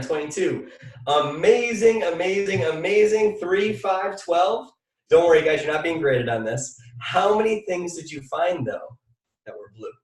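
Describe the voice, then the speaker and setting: A man gives an upbeat motivational training on a live call. His voice sits a little high and stands back from the mic, so it comes through roomy and echoey. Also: distant mic. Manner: energetic, coaching, talks straight to the audience. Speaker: team trainer.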